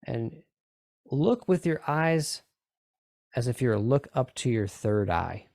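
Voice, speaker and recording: A man's voice: medium pitch, big pitch swings, takes it slowly, gravelly, darkish tone, no room sound, clean studio sound. A man leading a group in guided relaxation, giving coaxing, repetitive instructions and often checking in with short questions. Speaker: group session leader guiding tapping and relaxation.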